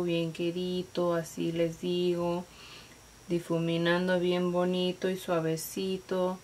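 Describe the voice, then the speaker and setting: A woman talks through a makeup tutorial in a relaxed, chatty way, dropping in English words. She speaks at an unhurried pace. A faint hiss runs under the recording. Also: lowish voice, rough recording. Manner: slangy, mixes English words, chatty and playful.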